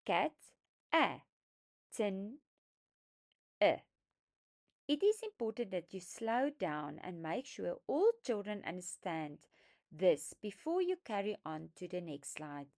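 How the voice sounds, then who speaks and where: A woman talks through a phonics lesson at an unhurried pace, her pitch rising and falling widely as she stretches out vowels. Her delivery is patient and emphatic, and she sounds out each syllable clearly for teachers and children. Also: big pitch swings, dark tone. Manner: slow, deliberate, emphatic teaching voice, sounding out words. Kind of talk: instructional lesson narration.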